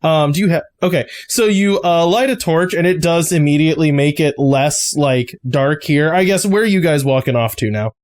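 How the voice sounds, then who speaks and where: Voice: medium pitch, normal speed, few pauses, a little mellow. A game master narrating a tabletop game in a loose way, with lots of fillers.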